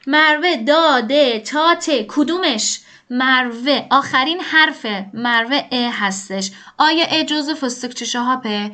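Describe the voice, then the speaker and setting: Bright, high-voiced female language teacher. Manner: patient, explains rules aloud, poses and answers her own questions. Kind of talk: step-by-step grammar lesson.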